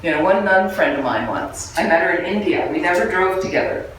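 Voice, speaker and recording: A woman gives a relaxed, humorous Buddhist teaching and keeps turning questions back to her listeners. Her voice rings through a strongly reverberant room. She sits away from the microphone, with a faint murmur of ambience underneath. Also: on the low side, fairly quick, recorded from a distance, a little hiss or hum. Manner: conversational, humorous, asks the audience questions. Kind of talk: dharma talk to a live group.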